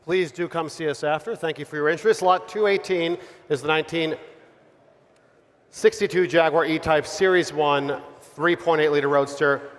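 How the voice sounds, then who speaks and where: A man announcing auction lots, reading scripted descriptions in a formal, measured manner. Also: fairly high pitch, steady tone. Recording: echoey hall with long reverb.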